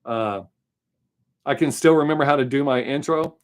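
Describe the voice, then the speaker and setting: A man's voice: mid-range voice, moderate pace. A middle-aged American man with a Southern drawl, hosting a casual live stream and rambling frankly through viewer questions with some swearing. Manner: rambling, chatty, frank and profane. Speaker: livestream host answering chat.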